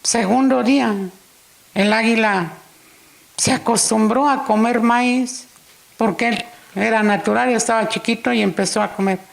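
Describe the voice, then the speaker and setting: A woman's voice: a little high, fairly even intonation, a little slow, vocal fry. A woman preaching in church, unhurriedly telling a story and acting out its dialogue. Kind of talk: sermon storytelling.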